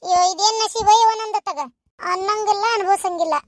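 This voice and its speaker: A woman plays a fretful young village wife in a cartoon, anxious and tearful, with a North Karnataka accent. The voice is very high and whiny, recorded close and dry. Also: a little fast, dry recording. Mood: fretting. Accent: North Karnataka Kannada. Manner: whining, worried, tearful.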